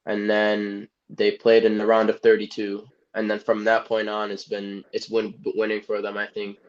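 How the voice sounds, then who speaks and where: A man's voice: fairly low pitch, completely flat delivery, moderate pace. A young man from Egypt, a soccer player guest, talking easily and laughing often in a casual podcast interview. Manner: easygoing, laughs often, rambling. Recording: dull lo-fi audio.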